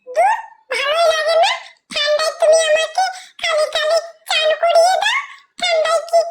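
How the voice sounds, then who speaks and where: A woman's voice: steady tone, moderate pace. A woman voicing a playful little boy god who whines and giggles about a cold bath, in a doll role-play vlog. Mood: complaining. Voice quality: high childish squeal, giggly. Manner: whiny and pleading, breaking into giggles.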